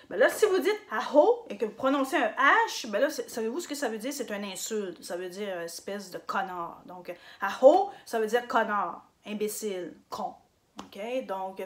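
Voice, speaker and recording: A woman giving a casual spoken lesson, hesitant with many fillers and repeating words slowly for her viewers. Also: medium pitch. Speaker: language teacher on her own channel.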